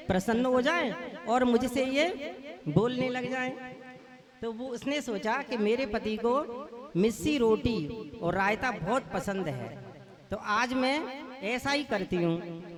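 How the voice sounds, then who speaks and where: Male katha storyteller, very high pitch, folksy anecdotal preaching, live crowd audible. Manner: homely, folksy teaching through anecdotes. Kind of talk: devotional storytelling sermon.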